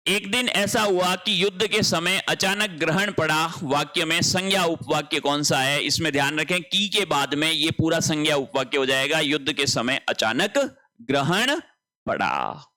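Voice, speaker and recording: A male teacher with a bright, fairly high voice walks through exam questions one by one. He explains each answer patiently and keeps reminding his students to take note. He draws out key words slowly to stress them. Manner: explains step by step, often repeating "dhyan rakhen". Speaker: Hindi teacher. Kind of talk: exam paper solution lesson.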